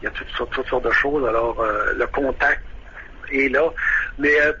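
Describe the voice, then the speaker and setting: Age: unknown. Sex: man. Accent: Québécois. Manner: hesitant, halting, nervous. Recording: dull phone line, faint hiss, bright tense tone. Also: medium pitch, breathy edge. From Quebec. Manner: hesitant, many "euh" and restarts, admits nervousness. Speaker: phone-in guest living abroad. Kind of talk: casual phone interview. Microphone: telephone.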